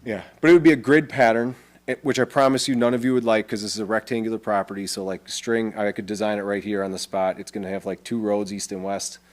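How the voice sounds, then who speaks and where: Low-voiced man explaining a development plan. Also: flat delivery, fast talker. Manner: conversational, explanatory, with frequent restarts. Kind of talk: public meeting presentation.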